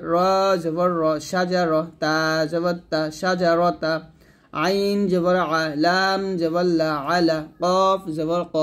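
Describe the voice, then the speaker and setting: A man teaching Quran reading, spelling out each letter with its vowel mark and then blending the syllables, asking the viewer to repeat after him. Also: sits high. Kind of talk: spelled-out recitation lesson.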